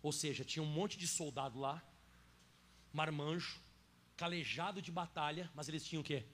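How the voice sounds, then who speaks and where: A male pastor with a Brazilian Portuguese accent delivers a lively sermon in a church. His voice sits high for a man, dropping to quiet asides and then rising into loud, emphatic declarations. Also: moderate pace, slight background noise. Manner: animated preaching, swings from soft asides to loud emphatic declarations. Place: church sanctuary.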